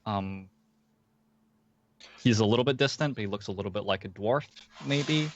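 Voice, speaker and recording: A man narrating as game master of a tabletop game, talking with many fillers and slowing down for descriptions. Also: on the low side, dry recording, highs cut off. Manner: hesitant, filler-heavy narration with slowed descriptive passages.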